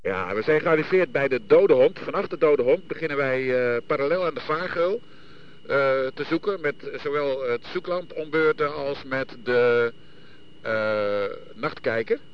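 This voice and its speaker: A man's voice: mid-range voice, lively intonation, unhurried. A man on a lifeboat crew reporting over a marine VHF radio transmission, matter-of-fact with hesitant fillers. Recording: dull radio line with static.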